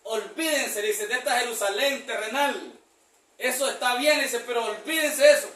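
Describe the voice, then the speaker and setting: A man preaching a sermon in a church, reading scripture verses slowly and calling the congregation "brother" again and again. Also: extremely high pitch, a bit bright. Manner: reads verses slowly, repeats "hermano" often. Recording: echoey church hall from far off.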